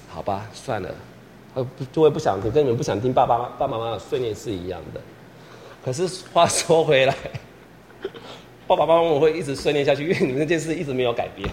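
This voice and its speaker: A man's voice: on the high side, a little mellow, slight background noise. A man directing a choir rehearsal, patiently repeating instructions, counting the singers in and singing lines to show them. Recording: long hall reverb with piano behind. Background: piano accompaniment.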